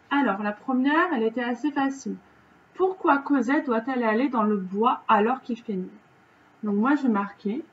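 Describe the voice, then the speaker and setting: A woman with a French accent, a teacher going through a reading lesson's answers for children in a slow, patient, step-by-step way. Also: fairly high pitch, lo-fi sound, a little hiss or hum.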